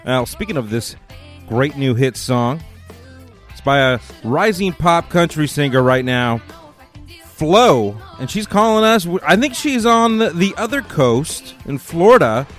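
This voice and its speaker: A man's voice: fairly high pitch, big pitch swings, measured pace, fairly bright tone, faint music behind. A man hosting a radio interview, talking in a rambling way full of fillers. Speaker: radio host.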